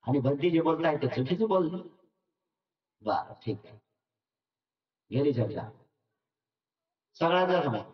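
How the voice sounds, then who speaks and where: A man's voice: fairly high pitch, animated, a little slow, long pauses. A man, a Buddhist monk, giving a sermon at a meditation camp and telling a story, acting out each character in turn. The recording is dull, echoey and from far off.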